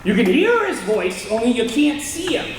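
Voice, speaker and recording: This actor plays a condemned killer in 1930s radio drama, his gangster slang tense and scheming. His voice is extremely high and sing-song at a normal speed, captured on an echoey, far-off old radio recording with a little hiss or hum.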